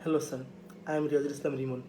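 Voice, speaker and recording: A man's voice: mid-range voice, flat delivery, very fast, warm tone, a little hiss or hum, poor audio. A young man from Bangladesh with a Bangladeshi accent, reciting a self-introduction as a student applicant and stumbling over words.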